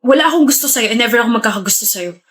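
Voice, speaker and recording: A brash young man who teases his best friend, put on by a woman. He talks bluntly in a lowered, put-on voice in a short comedy skit. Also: lively intonation, racing, a bit bright. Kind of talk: skit role-play.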